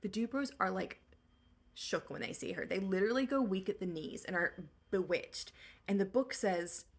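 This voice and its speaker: A woman's voice: lowish voice, fairly bright tone. Young woman, sarcastic, slang-heavy, comedic recap host.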